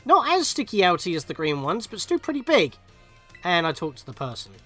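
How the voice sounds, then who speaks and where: A man's voice: high-pitched, wildly swooping pitch, brisk, sharp tone, faint music behind. A man giving chatty, casual commentary on a video game as he plays, reading text aloud and reacting to it. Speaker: let's play streamer.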